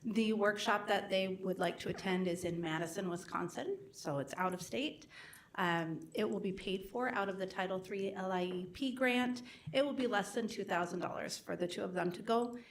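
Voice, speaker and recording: A woman reporting to a school board in a clear, steady, informative manner. A faint hiss sits behind her voice. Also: mid-range voice, moderate pace. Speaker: multilingual education coordinator. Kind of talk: board meeting presentation.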